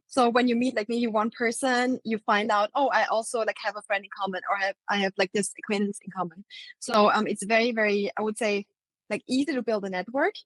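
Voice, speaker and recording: A woman's voice: fairly high pitch, no room sound, poor audio. A young woman from Austria, a marketing agency founder, speaking English as a guest in a casual interview, with plenty of ums and likes. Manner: relaxed, many fillers like um and like.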